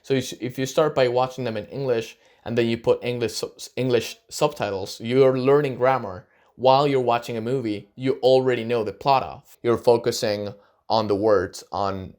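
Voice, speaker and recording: With a mid-range, darkish voice, this young Argentine vlogger, a native Spanish speaker, earnestly offers advice to the camera in a casual talk. He is encouraging, and at times he slows down and stresses his words.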